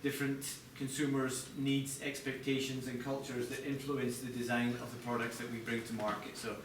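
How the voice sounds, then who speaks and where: Recorded from a distance in an echoey presentation room with an audience, a middle-aged Scottish chief TV product designer presents live. His voice is mid-range with little pitch movement and a moderate pace, and background noise is clearly audible. His manner is conversational and hesitant, with restarts.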